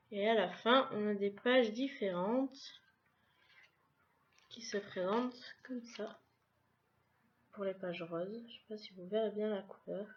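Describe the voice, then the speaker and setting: A woman records a casual unboxing vlog, walking through each item in a relaxed, chatty way. She speaks slowly at a mid pitch. The sound is dull and lo-fi, with a faint hiss behind her. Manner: slow, chatty, describing items one by one. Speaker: vlogger unboxing a subscription box.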